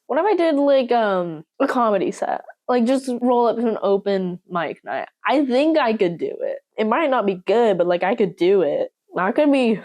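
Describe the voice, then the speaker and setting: A young woman with a slight Southern lilt talks straight to her viewers in a loose, chatty way. Her voice sits in a medium pitch. She jokes at her own expense as she goes. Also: darkish tone. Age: young adult. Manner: chatty, playful, self-mocking. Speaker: vlogger. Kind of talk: casual chat to camera.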